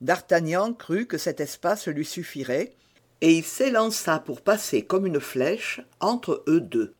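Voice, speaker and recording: A man reading a classic novel as an audiobook narrator, in a measured, expressive storytelling manner. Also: on the high side.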